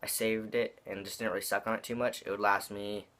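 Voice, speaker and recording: Low-voiced young man with a dip in. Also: little pitch movement, fairly quick, fairly bright tone, slight background noise. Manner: rambling, slangy and profane. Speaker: product reviewer. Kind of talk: casual review talk.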